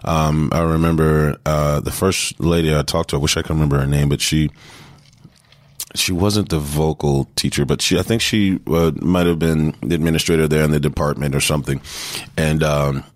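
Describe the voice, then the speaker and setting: Very deep-voiced man, hesitant and halting. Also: steady tone, no room sound. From Texas, US. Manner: hesitant, many restarts and fillers. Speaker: actor guest. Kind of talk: casual interview talk.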